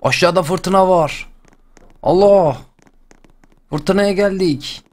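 A young man hosting a game channel, chatting and joking excitedly as he plays. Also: high-pitched, extremely slow. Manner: chatty, excitable, jokes and exclamations. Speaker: gaming channel host. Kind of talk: playful let's-play commentary.

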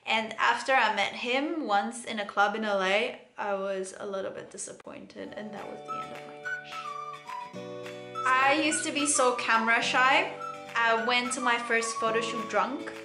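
A young woman from Cyprus with a Greek Cypriot accent, chatting casually to camera in an animated, laughing way from a bedroom. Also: fairly high pitch, normal speed. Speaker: vlogger. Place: bedroom, indoors. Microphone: camera in front, close framing. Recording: echoey room with faint music.

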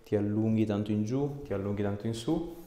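This chiropractor has a lowish, mellow voice and talks briskly, offering short, informal and reassuring directions to a patient. The camera sits a short distance away in a small treatment room, and the audio is echoey with noise behind it.

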